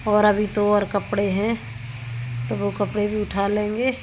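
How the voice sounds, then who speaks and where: Filming a home vlog in her kitchen and up on the rooftop, this thirty-something woman talks through her chores in a chatty, rambling way, frequently correcting herself despite a sore throat. She speaks unhurriedly in a flat, mid-range voice with a darkish tone, and there's slight background noise.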